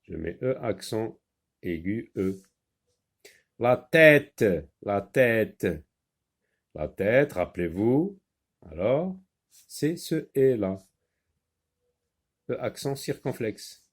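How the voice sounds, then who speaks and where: A man teaching a primary-school French reading lesson, sounding out words syllable by syllable, repeating them, and pausing with "euh" while he explains. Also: on the low side, expressive, dark tone, breathy edge.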